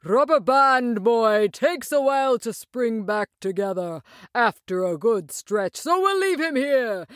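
Showy circus ringmaster guy put on by a woman, big slow announcements, higher than her usual, dry sound. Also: fairly bright tone, no echo, heavily acted. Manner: booming showman announcements. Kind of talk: storybook character voice.

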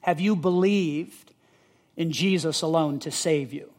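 A man's voice: fairly high pitch, a little slow, darkish tone. A male pastor teaching a sermon, earnest and emphatic, repeating key words for listeners to underline in their notes.

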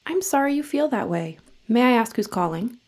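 A woman playing a hotline operator who coaxes with a soothing tone, then slips into brisk customer-service cheer. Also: a little high, lively intonation, a little mellow. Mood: coaxing. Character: chirpy, callous female hotline operator. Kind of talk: audio drama acting.

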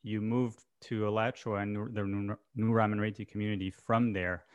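A man hosting a podcast interview, asking friendly, unhurried questions with some fillers. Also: lowish voice, little pitch movement, smooth, no echo, muffled recording. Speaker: podcast host.

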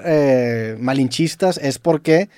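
A man's voice: medium pitch, takes it slowly, dark tone, clean tone. A man with a Mexican accent, hosting a podcast in casual chat, full of slang like "güey". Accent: Mexican Spanish. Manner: slangy, says "güey" often. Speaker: podcast host.

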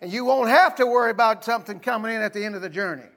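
A middle-aged American man with a notably high-pitched voice preaches as a pastor. His sermon is informal and folksy, more like conversation than oratory. He repeats phrases and prompts his listeners to respond. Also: very fast, fairly bright tone.

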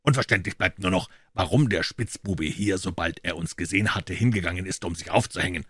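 A man voicing a confident, impatient male detective explaining his reasoning briskly. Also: sits low, fairly bright tone, slightly rough, no room sound, clean studio sound.

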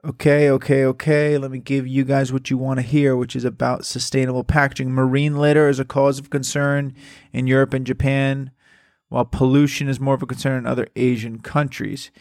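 A man's voice: medium pitch, a little fast, no echo, studio quality. A man hosting a show, commenting casually and emphatically while reading a study aloud. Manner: animated, emphatic, repeats words for stress. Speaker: podcast host.

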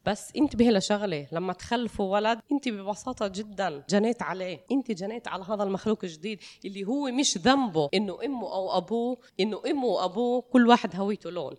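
Fast, impassioned Palestinian woman advocate. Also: medium pitch, darkish tone. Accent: Palestinian Arabic. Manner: earnest, emphatic, impassioned. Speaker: interview guest, advocate for affected families. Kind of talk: spontaneous interview talk.

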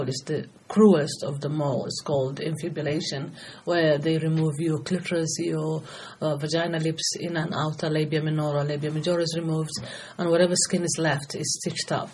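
In a podcast interview, a middle-aged Somali guest who campaigns against FGM recounts personal experience. Her low, slightly mellow voice keeps fairly even intonation at a moderate pace, with some background noise. She comes across as earnest and passionate, talking freely and often restarting.

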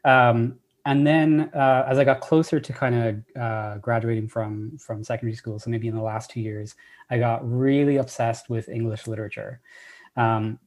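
An Irish man in his thirties, a professor telling his story in a relaxed interview, enthusiastic and full of ums and restarts. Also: mid-range voice, normal speed. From Ireland. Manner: enthusiastic, many fillers and restarts. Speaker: assistant professor, guest.

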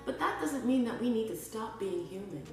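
A Canadian podcast host with Jamaican family roots delivers a motivational spiritual monologue in an expressive, fairly high voice at a moderate pace. Her earnest, emphatic style sounds like a preacher's, and the recording has a roomy echo, a distant mic and music playing behind her.

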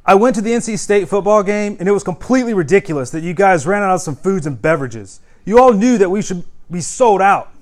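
Sex: man. Figure: a man putting on an accent for a fed-up student ranter. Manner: indignant, loud, high. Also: expressive, slow pace, few pauses. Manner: put-on accent, indignant complaining. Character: anonymous fed-up student ranting in the newspaper.

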